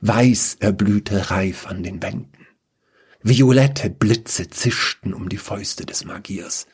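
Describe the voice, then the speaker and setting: A man narrating a fantasy story in a calm, measured reading voice with a husky tone. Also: on the low side.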